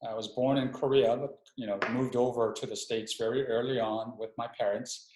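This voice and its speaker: Over a video call with a roomy echo, a middle-aged Army chaplain from Hawaii speaks as a webinar interview guest. His mid-range, slightly mellow voice moves a little fast with fairly even intonation. He sounds reflective and a bit hesitant, often restarting sentences.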